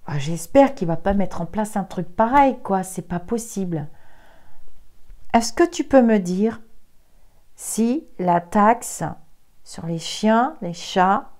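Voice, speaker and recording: A woman's voice: mid-range voice, expressive, slow, long pauses, a little mellow. A woman medium doing a tarot reading on a live stream, chatting to viewers and exclaiming as she counts out her cards. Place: indoors at a desk with a camera.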